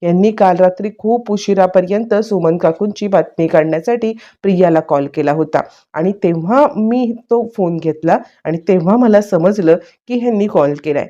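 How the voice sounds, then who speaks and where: A woman's voice: lowish voice, moderate pace, few pauses, dark tone, muffled recording, lightly acted. A woman narrator voicing a young woman who explains things insistently.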